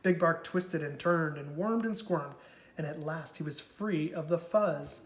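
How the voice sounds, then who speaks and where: A woman narrating a children's picture book aloud in a slow, expressive manner. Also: sits low. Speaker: storybook reader. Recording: echoey room.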